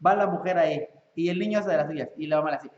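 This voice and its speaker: Animated Mexican pastor in an echoey hall. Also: male voice, fairly high pitch. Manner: animated, acts out parents and children in quick voices. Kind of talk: sermon. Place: church. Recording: echoey lo-fi church hall recording.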